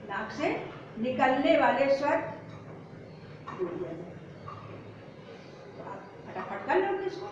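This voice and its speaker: A woman teaching an exam-prep lesson, explaining step by step and repeating words slowly to correct spelling. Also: high-pitched. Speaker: Hindi teacher. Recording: echoey far-off lo-fi room sound with faint hiss.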